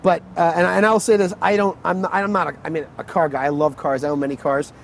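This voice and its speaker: A man's voice: a little high, steady tone, fast talker, gravelly. Chatty man explaining his old car outdoors. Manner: enthusiastic, rambling explanations with fillers. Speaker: car owner guest. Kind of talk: casual chat. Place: outdoors on a city street. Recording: noisy outdoor street sound.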